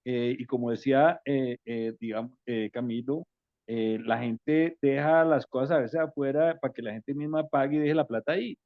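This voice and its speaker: Guy telling a story, relaxed and hesitant, dull dry sound. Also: medium pitch, moderate pace, no room sound. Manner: relaxed, hesitant, with many fillers. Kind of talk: conversational storytelling.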